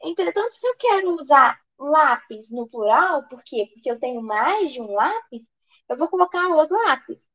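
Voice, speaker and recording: A woman's voice: sits high, big pitch swings, normal speed, a bit bright, muffled recording. A woman with a Brazilian accent giving an online grammar lesson as an exam prep tutor, asking questions and answering them herself, with frequent restarts. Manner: asks and answers her own questions, restarts often.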